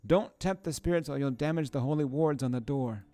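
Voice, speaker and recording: A man voicing a frightened, superstitious woman bookseller in a video game, with an upset, high-pitched voice. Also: very animated, fairly quick, a little mellow.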